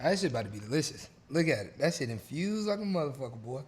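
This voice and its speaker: A man's voice: medium pitch, sing-song, fast talker, husky. A man co-hosting a podcast in casual chat, speaking in an emphatic, slangy, boastful way. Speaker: podcast co-host.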